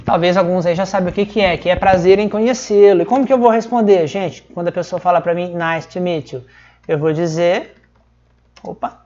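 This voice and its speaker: A woman's voice: lowish voice, a little fast, dark tone. A woman with a Brazilian accent giving a casual English lesson, chatty and full of little check-in words. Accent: Brazilian Portuguese. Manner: chatty, fills lines with "tá?" and "ó". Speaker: English teacher. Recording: slightly dull lo-fi sound.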